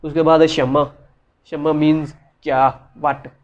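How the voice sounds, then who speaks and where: A man's voice: on the high side, level tone, a little slow, muffled recording. A man giving a casual spoken lesson, patiently explaining and repeating each word many times, with many fillers. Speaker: language teacher. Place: side room with noise around.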